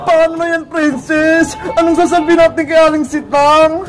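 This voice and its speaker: A woman voicing two panicky young girls in a cartoon, shouting and crying as they run from a deadly game. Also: extremely high pitch, level tone, normal speed. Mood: frantic. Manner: shouting, frantic, tearful. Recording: music playing behind.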